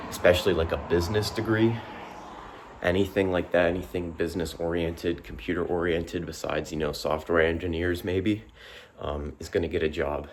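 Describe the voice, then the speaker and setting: A male vlogger, a bit out of breath after doing push-ups, delivers a casual, rambling opinion monologue to the camera. His low-pitched speech is full of fillers and restarts, with a noisy background.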